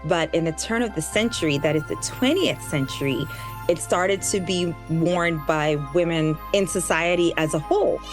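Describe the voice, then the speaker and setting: A woman from Tanzania whose first language is Kiswahili appears as a guest educator and author on a kids' podcast, explaining things in an interview. Her voice is fairly low and her pace moderate, with a music bed playing underneath.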